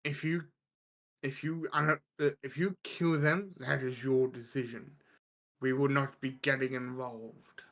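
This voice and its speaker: A man's voice: medium pitch, fairly even intonation, unhurried, a bit bright. A man voicing a wary, indifferent orc guard in a tabletop game, blunt and guarded.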